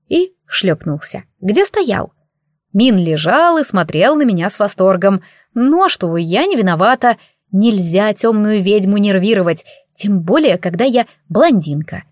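A woman's voice: mid-range voice, dry recording. Woman reading a funny fantasy audiobook, wry and ironic, dry close sound. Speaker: audiobook narrator. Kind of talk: first-person audiobook narration.

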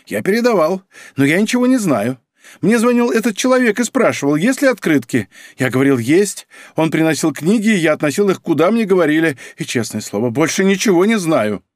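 A man reading an audiobook voices a nervous, cowardly male bookshop clerk who whines and mutters in a husky voice. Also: fairly high pitch, very animated, brisk, dry recording, clean studio sound, pitched above the performer's own voice. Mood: whining. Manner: whining, muttering, protesting. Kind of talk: audiobook character voice.

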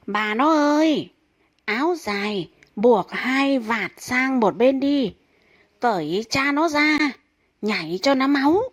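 A rowdy tipsy old husband, put on by a woman, boisterous and egging on, pitched up high above her own voice. Read-aloud comic story. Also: expressive, slow, heavily acted. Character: tipsy old husband cheering his wife.

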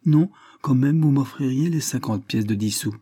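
A man's voice: mid-range voice, moderate pace, mellow, husky, voice pushed up, natural voice. A man voicing a sly, lying old peasant widow who whines and pleads. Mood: whining pleading.

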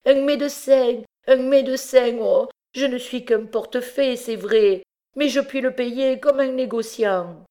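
A woman's voice: medium pitch, measured pace, voice pushed up, close to an everyday voice. A woman voicing a distraught, grieving man, a rich porter who cries out frantically. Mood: frantic. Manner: frantic shouting exclamations.

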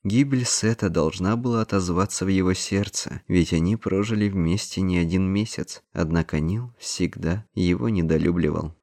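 A man narrating an audiobook in an even, measured reading voice. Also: low voice, dry recording, clean studio sound. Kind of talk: scripted narration.

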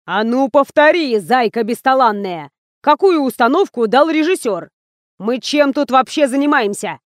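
A woman voicing a short, fat, bossy male ad producer who yells and bullies, in a storybook reading. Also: sits high, expressive, slow pace, dry recording, clean studio sound. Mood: yelling. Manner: yelling, bullying, explosive.

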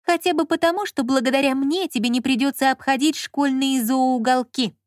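A woman's voice: high voice, moderate pace, no room sound, clean studio sound, pitched above the performer's own voice, close to an everyday voice. Woman voicing a bossy mocking young woman. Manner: mocking, emphatic. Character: bossy sharp-tongued young woman, fussing.

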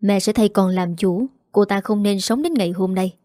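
A woman's voice: medium pitch, normal speed, mellow, no echo, studio quality, close to an everyday voice. A woman reading the lines of a ruthless older mother in a drama recap, speaking cold and firm.

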